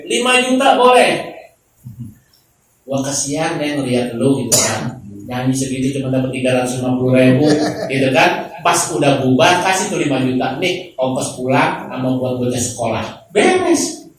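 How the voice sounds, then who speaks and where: Male preacher, comic and colloquial, slightly high voice, picked up from a distance in a booming room. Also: a little hiss or hum. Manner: joking, colloquial, lively call-and-response with the audience. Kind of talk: humorous sermon. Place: prayer hall. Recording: echoey hall, voice from far off.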